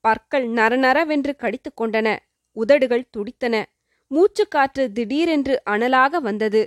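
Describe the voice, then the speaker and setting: Woman reading a story aloud, high voice, dry close mic. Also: unhurried, no room sound. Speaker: narrator. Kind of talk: scripted storybook narration.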